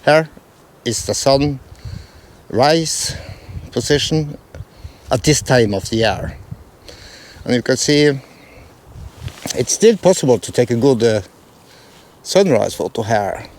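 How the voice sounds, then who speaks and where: In a relaxed vlog, a man from Norway talks through his photo planning in Norwegian-accented English, slowly and with long pauses, faltering through fillers and restarts. His medium-pitched voice is expressive and a little mellow.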